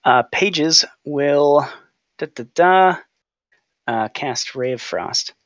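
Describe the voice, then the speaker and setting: A man's voice: a little high, animated, drawn-out words, no echo, dull audio. Hesitant man playing a tabletop game. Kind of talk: casual game talk.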